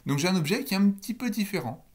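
A man's voice: high voice, expressive, fast. A man giving a recorded university lecture on phonology, explaining step by step and asking the listeners questions.

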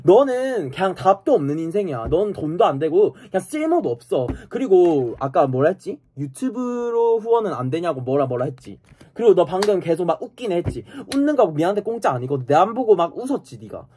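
A man's voice: high-pitched, very animated, brisk, dark tone, a little hiss or hum. A man streaming live, angrily and profanely ranting at his viewers and insulting them. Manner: repeats a challenging "eh?".

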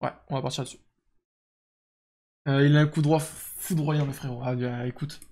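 A young man with a mid-range, darkish voice speaks at normal speed with fairly even intonation while streaming a football management game. He chats casually, replies to his chat, and uses many fillers throughout the live commentary.

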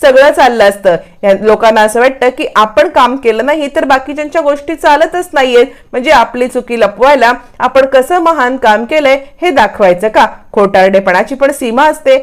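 A woman retelling a serial episode, moving the scene along in steady storytelling. Her voice is high-pitched. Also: moderate pace, hardly any pauses. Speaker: serial recap narrator.

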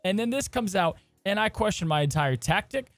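A man co-hosting a casual gaming podcast, animated and jokey as he runs the segments. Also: high voice, fairly quick, no room sound, faint music behind. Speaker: podcast co-host.

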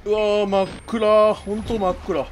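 Panicked man crying out, high-pitched. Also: flat delivery, moderate pace, a little hiss or hum. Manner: panicked crying out, words repeated frantically. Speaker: game streamer. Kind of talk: live horror game commentary.

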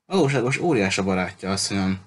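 Man reading as a courteous gentleman. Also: low voice, expressive, slightly rough. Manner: formal, courteous.

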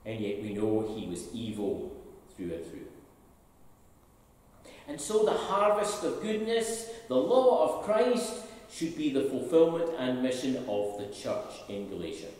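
Preaching from a pulpit in a large church, an older man with a Scottish accent asks his congregation rhetorical questions. His mid-range, slightly mellow voice swings hugely in pitch and moves a little slowly. The audio comes from a distant camera despite a stand mic at the pulpit, leaving an echoey, far-off church hall sound.

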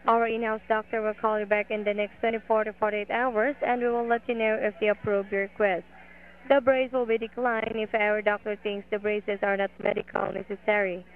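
A woman telemarketer heard over the phone, briskly running through scripted questions for a brace order. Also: medium pitch, flat delivery. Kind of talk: scripted sales call. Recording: tinny phone line.

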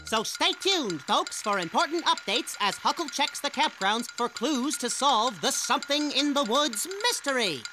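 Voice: high voice, expressive, moderate pace, few pauses. Goldbug, a perky bug newscaster. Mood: chipper. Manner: punchy announcer delivery. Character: upbeat male bug TV news reporter. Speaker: news reporter. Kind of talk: cartoon voice acting. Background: music.

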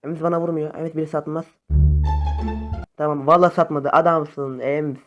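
A young man chatting casually to his viewers over phone gameplay, excitable and friendly. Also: a little high, normal speed, faint music behind. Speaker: gaming YouTuber. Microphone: phone camera facecam.

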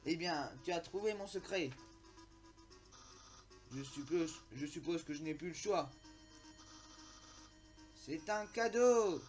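A man's voice: on the high side, slow, long pauses, a little mellow, soft background music. A man reading the lines of a vain, boastful skeleton in a pompous, theatrical way. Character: vain, boastful skeleton, grandly self-important.

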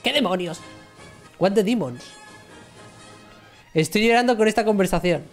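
A man in his thirties with a high voice banters casually with his chat at a moderate pace while playing games, joking and poking fun at himself from his gaming chair at home. Soft music plays in the background of the livestream.

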